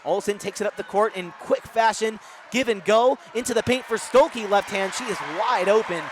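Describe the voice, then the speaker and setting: A young male student sportscaster with a fairly high voice calls basketball play-by-play. His calls are brisk and build to excited shouts when a shot drops. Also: noisy background. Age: young adult. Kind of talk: sideline interview and play-by-play commentary.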